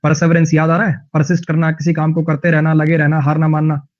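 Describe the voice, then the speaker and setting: Jokey male teacher, haryanvi-tinged hindi accent, kinda high voice, dull muffled sound. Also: fast talker. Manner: chatty, jokey, tells lively anecdotes. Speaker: English vocabulary teacher. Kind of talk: online vocabulary lesson.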